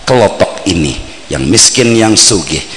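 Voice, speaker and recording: A man with a Banjar accent preaching a mosque sermon, swinging between playful shouts and low earnest asides, heard on an old worn tape recording. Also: expressive, a little slow, long reverb tail, a little hiss or hum.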